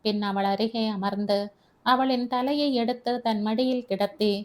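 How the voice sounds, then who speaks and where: A woman narrating a family novel for an audiobook, in a flowing, lyrical and measured storytelling voice. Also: a little high, steady tone.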